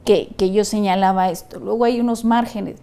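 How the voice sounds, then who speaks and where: A woman, a panel guest speaking in a measured, conciliatory way with frequent restarts. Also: mid-range voice, fairly even intonation, warm tone. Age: 50s. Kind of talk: studio panel discussion.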